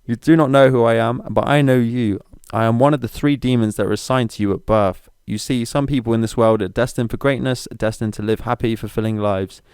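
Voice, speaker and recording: A man putting on a disguised deep voice to play a menacing male demon, reading a taunting letter slowly and deliberately. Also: steady tone, a little mellow, clean tone, dry recording, studio quality, lightly acted. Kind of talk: dramatic reading of a creepy story.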